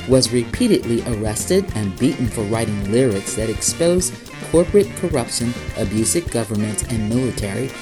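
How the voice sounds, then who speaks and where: Female broadcast presenter, measured delivery, very deep voice. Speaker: radio host.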